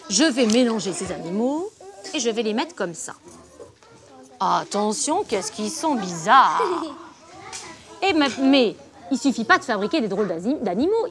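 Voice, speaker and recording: A woman teaching a reading lesson to young children in a classroom, patient and encouraging, asking many questions. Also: on the high side. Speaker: primary school teacher. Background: children's chatter.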